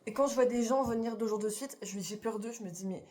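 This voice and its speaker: A young woman of twenty-one talks casually to camera in a slightly high voice, rambling with fillers and dropping in English phrases. She sounds a little way off from the mic, in a roomy space with an echo. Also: fast, a little mellow, recorded from a distance, slight background noise. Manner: chatty, rambling, many fillers, mixes in English. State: tearful after crying. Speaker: vlogger. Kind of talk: casual vlog chat.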